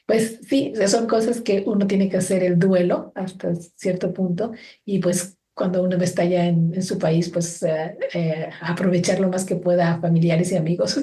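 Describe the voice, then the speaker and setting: Mellow-voiced Mexican woman, reflective guest. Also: on the low side, steady tone, normal speed, hardly any pauses. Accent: Mexican Spanish. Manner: thoughtful, many restarts and fillers. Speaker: guest, organization founder. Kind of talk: reflective interview conversation.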